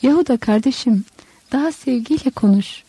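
A woman voicing a calm, gentle male teacher who speaks softly in an audiobook story. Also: sits high, moderate pace, breathy edge, dry recording, low-quality recording. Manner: calm, soft-spoken.

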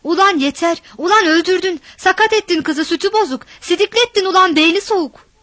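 A woman's voice: very high-pitched, a little fast, fairly bright tone, no echo, voice pushed up. A woman voicing a frantic village mother who shrieks and curses. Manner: shrieking, cursing.

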